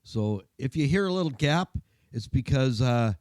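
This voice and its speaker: A man speaks as the chatty host of a folksy car show, in a dry, close studio sound. His tone is dark and relaxed, thickened by a gargly, congested winter cold. He keeps up a jokey, homespun patter. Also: medium pitch, normal speed, dry recording. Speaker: radio show and podcast host.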